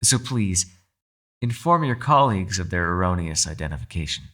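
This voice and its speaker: The speaker is a man performing a captive fox spirit for ASMR, his voice low-pitched and crisply bright. He teases slyly and with mock courtesy, his theatrical intonation swooping widely over a quiet menace. He sounds expressive and amused, keeping a moderate pace.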